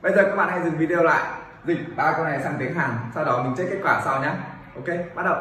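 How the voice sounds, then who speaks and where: A man teaching a Korean grammar lesson, explaining clearly and repeating example sentences slowly for practice. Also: fairly high pitch, pushed and bright. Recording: very echoey room, somewhat far from mic.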